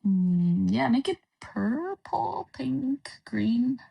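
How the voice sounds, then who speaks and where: A woman's voice: on the high side, creaky, slightly rough, lo-fi sound. A Dutch woman chatting casually on a livestream, her voice echoing distantly as if in a cave. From Netherlands. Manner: casual, relaxed talk with frequent pauses. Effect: distant cave-like echo on her voice. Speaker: livestream guest. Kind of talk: casual chat. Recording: distant, echoey stream audio.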